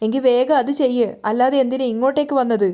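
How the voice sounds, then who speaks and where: A caring older sister figure urges and worries, read by a woman narrator. The voice sits fairly high and soft, mellow in tone. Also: steady tone, quick pace, lightly acted. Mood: worried.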